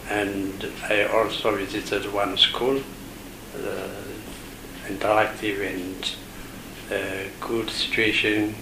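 A man's voice: lowish voice, noisy background. Hesitant man in an echoey room. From Ethiopia. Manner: hesitant, many pauses and fillers. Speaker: education official, interview guest. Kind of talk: halting interview answers.

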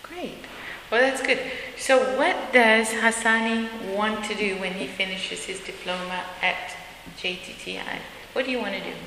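A woman's voice: medium pitch, unhurried, sharp tone. A woman conducting a casual interview in a chatty way, often turning answers back into questions. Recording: echoey room, faint hiss.

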